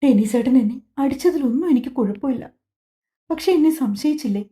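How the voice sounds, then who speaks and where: A woman voicing a gentle young pregnant wife in a family audiobook, speaking in a pleading, tearful way. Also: medium pitch, animated, normal speed, close to an everyday voice. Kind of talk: audiobook dialogue.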